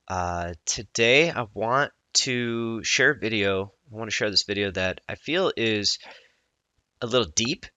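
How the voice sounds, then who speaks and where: A man speaking as a coach in a personal vlog, earnest and reflective, often halting mid-thought. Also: lowish voice, pushed and bright, clear, resonant tone, dry recording.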